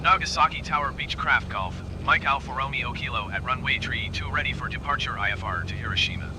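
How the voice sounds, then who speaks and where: A man's voice: medium pitch, noisy background. A man playing a pilot, reading clipped radio calls over a cockpit headset. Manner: clipped, measured readbacks. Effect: pilot radio call over cockpit headset. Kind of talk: radio phraseology. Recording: muffled headset mic over loud engine drone.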